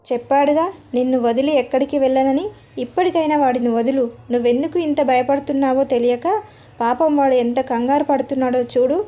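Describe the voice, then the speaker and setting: A stern yet caring husband in a storybook tale, voiced by a woman storyteller. He speaks firmly, though the voice stays high and mellow. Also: steady tone, a little fast, lightly acted.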